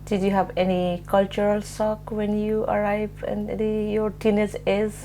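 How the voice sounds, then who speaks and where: A woman's voice: mid-range voice, monotone, measured pace, warm tone, slight background noise. A woman interviewing for an oral history, asking plain questions with some non-native phrasing.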